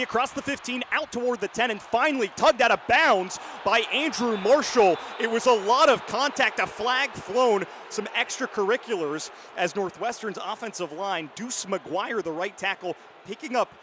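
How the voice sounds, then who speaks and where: A man in his twenties with a high voice calls a football game live on radio from the stadium, using clipped, descriptive play-by-play phrases. Loud stadium ambience and noise fill the background.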